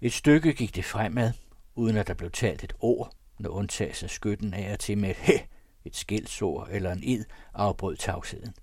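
A man narrating an old story aloud in a steady storytelling manner. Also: lowish voice, no echo, clean studio sound.

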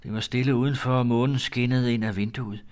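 A man reading an old-fashioned first-person story aloud in a measured, grave way. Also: medium pitch, steady tone, a little mellow.

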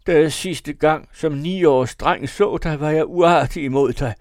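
A male audiobook reader voicing a tipsy, excitable young man, the narrator's elder brother, in loud outbursts. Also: creaky, no echo, clean studio sound. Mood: grieving. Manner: loud, excitable, high-strung. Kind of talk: audiobook character voice.

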